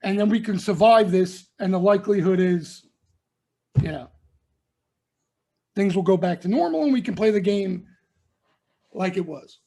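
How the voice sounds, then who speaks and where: Speaking to traders on a members-only broadcast, this middle-aged market commentator has a high, expressive, mellow voice with some creak, moving at a normal pace broken by long pauses. He lectures and warns in a blunt, emphatic style, saying each point again to hammer it in.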